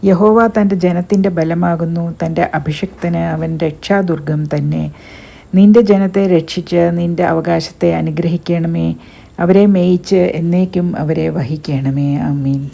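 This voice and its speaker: A woman giving a slow, solemn reading of psalms as a scripture reader. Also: fairly low pitch, creaky, dark tone.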